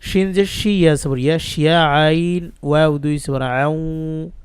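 A man's voice: on the high side, steady tone, slow, smooth, no echo, studio quality. A man teaching Quran reading in a lesson, patiently spelling out letters and vowel marks one by one. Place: indoors, rain audible outside.

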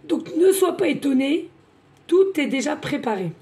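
A woman doing a chatty tarot card reading, often repeating herself and filling pauses. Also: sits high, sing-song, mellow. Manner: chatty, repeats words, many fillers. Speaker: card reader, medium.

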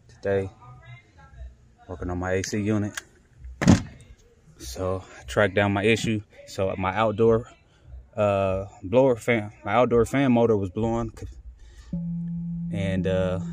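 With a fairly low-pitched voice, a handyman vlogger and HVAC technician chats informally with viewers about a home repair, full of slang and catchphrases. He's inside his home right by the air-conditioning equipment. Recorded on a handheld phone behind the camera, the audio is noisy and has clicks.

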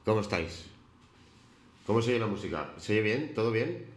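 A man's voice: on the low side, animated, moderate pace. A man chatting casually with his viewers on a live stream, greeting them by name while he paints.

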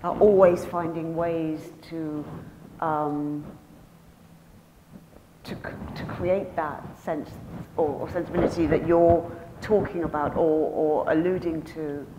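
A woman writer speaking on a festival panel, measured and reflective. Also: deep voice, steady tone, lo-fi sound. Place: festival event hall. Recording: roomy hall with audible noise.

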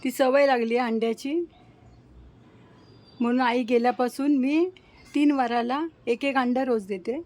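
A woman's voice: a little high, fairly even intonation, unhurried, long pauses, darkish tone. A woman chatting casually to her pets as she feeds them, coaxing and scolding them by turns. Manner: scolding, coaxing talk to animals. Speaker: vlogger feeding pets. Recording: faint background noise.

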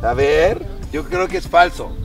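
A man's voice: fairly high pitch, measured pace. A man in his twenties with a Mexican accent, joking casually and playfully as a vlog guest, recorded outdoors at some distance. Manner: playful, exclaiming, expressive. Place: outdoors, standing in a resort pool. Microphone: camera mic a few meters away. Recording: distant outdoor mic, loud music behind.

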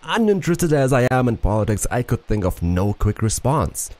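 A man's voice: medium pitch, sing-song, normal speed, a little mellow, no echo, natural voice. Man putting on a clumsy French accent. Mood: earnest. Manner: attempted French accent, stumbling over words. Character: male traveler writing a diary in French-accented English. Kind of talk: reading in-game text aloud.

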